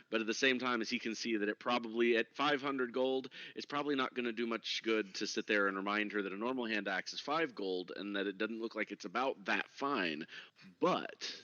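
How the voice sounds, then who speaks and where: A man playing a character in a tabletop game, talking casually and lively, often jumping into a high character voice. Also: no echo, lo-fi sound. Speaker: player. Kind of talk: casual tabletop role-play.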